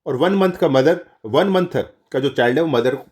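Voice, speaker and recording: A man's voice: fairly high pitch, normal speed, darkish tone, breathy edge. A man teaching nursing exam questions in a lecture, addressing students as children, repeating key answers and correcting himself as he goes. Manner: mixes English terms into Hindi explanation.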